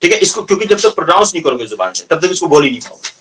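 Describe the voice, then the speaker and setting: A man in his thirties with a Hindi accent lectures on English vocabulary, rapidly firing questions and repeating what his students answer. His voice is a little high, fairly bright, and very animated. The recording was made from a distance.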